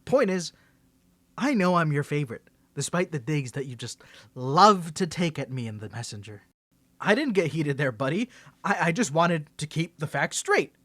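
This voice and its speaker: In an ASMR roleplay, a man voices a cocky young superhero hiding a secret identity, stammering and teasing as he swings between confidence and nerves, with a guarded, wistful mood. His voice is on the high side and a bit bright, with big pitch swings, a moderate pace, and no room sound.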